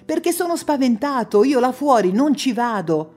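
A woman's voice: medium pitch, big pitch swings, moderate pace, dark tone. A woman reading an audiobook, voicing an anxious, sleepless young man who pleads and whines in panic. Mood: distressed.

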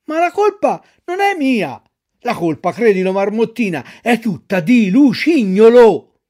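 A woman voicing a desperate, remorseful wooden puppet boy, pleading and wailing in a raised voice. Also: unhurried. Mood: despairing. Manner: wailing, pleading, high and excitable.

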